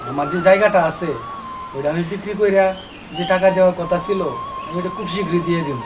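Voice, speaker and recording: Man playing gentle big brother, quick lively voice, music underneath. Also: sits high, lightly acted, rough recording. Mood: reassuring. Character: kind, reassuring elder brother. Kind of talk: village family drama acting.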